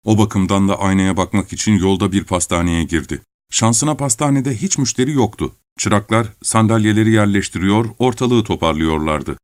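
A man with a low voice reads a story aloud at a measured pace, pausing deliberately between phrases. The recording is dry and close, with no room sound. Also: dry recording. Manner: measured, unhurried reading with deliberate pauses. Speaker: audiobook narrator. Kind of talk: storytelling narration.

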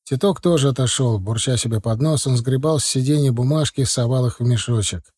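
Male audiobook narrator; measured first-person reading, dark, dry. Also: medium pitch, husky, no echo. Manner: measured, calm storytelling.

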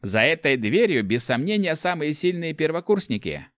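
Guy doing a cocky young thief, chatty, pitched way up. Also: sing-song, moderate pace, fairly bright tone, dry recording, clean studio sound. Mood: cheerful. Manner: bold, chatty, playful. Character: cheeky brash young male thief.

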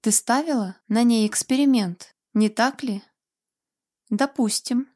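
A cold, unflappable man who talks in a calm, dry and mocking way, read by a woman narrator. The voice stays close to the reader's own, in a storybook reading. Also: on the high side, a little slow. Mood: cool, mocking. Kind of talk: audiobook character reading.

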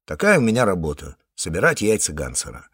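A man's voice: huge pitch swings, fast talker, fairly bright tone, husky, heavily acted. A man voicing a stern, businesslike male monster collector who speaks curtly and firmly. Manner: curt, firm, low-key.

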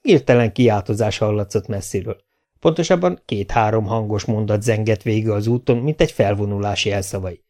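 A man reading a children's novel aloud as an audiobook narrator, telling it in a lively way. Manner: lively storytelling, lifts pitch for quotes. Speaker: audiobook reader.

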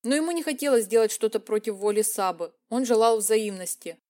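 A woman narrating a romance audiobook in a measured, emotive reading. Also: on the high side, expressive, warm tone.

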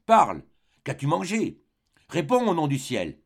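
A frantic, tender husband and country doctor pleads in a low voice that leaps sharply upward in panic, as a man reads him in an audiobook. His lines swing between bewildered murmurs and desperate cries. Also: huge pitch swings, moderate pace, a little mellow. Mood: pleading.

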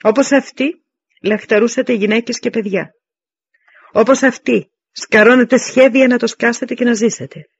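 Brief: stern veteran Spartan warrior, voiced by a male reader, forceful speeches, higher-pitched, dull dry recording. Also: long pauses, breathy edge, no echo. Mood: commanding.

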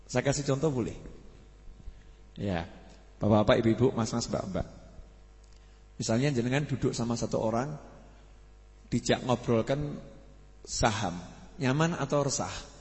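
A man's voice: mid-range voice, a little mellow, in a large hall. A man preaching a sermon to a gathering, talking casually and asking the audience questions. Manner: conversational, asks the audience questions. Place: mosque study gathering.

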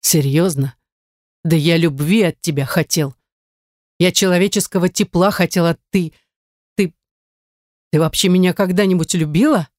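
A gruff young man with a short temper barks his orders in a growling voice, as the audiobook narrator puts him on. His voice is recorded dry and close. It is a storybook reading. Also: medium pitch, moderate pace, long pauses, a little mellow, no echo, lightly acted. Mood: angry. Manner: growling, commanding. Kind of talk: audiobook dialogue.

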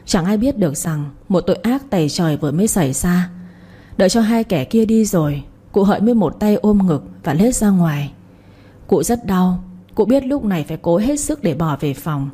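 A woman narrating a novel in a steady storytelling voice. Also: on the low side, husky.

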